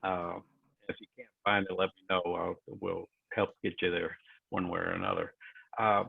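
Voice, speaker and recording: A man moderating an online session, talking haltingly with many fillers over a crackly phone-like line that fades in and out. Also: deep voice, little pitch movement, creaky, slightly rough. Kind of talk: presenting talk on a virtual call. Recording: tinny phone-like call audio.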